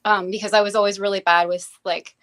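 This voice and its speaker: A young woman, a guest in an interview, telling her life story in a hesitant, casual way with many pauses and restarts. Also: mid-range voice, little pitch movement, a bit bright, clear, resonant tone. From grew up in Bangladesh, later Canada.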